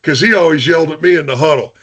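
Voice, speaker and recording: A man's voice: on the high side, fast talker, fairly bright tone, husky. A man hosting a podcast, telling jokey team stories in casual chat, with lots of "hey" and restarts. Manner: joking storyteller, many restarts and "hey".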